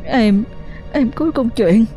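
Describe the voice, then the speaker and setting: A woman voicing a grief-stricken young woman who sobs and shouts back in defiance, with a Southern Vietnamese accent. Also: fairly high pitch, normal speed, faint music behind, pitched above the performer's own voice, lightly acted. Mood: choked up. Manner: sobbing, pleading then defiant.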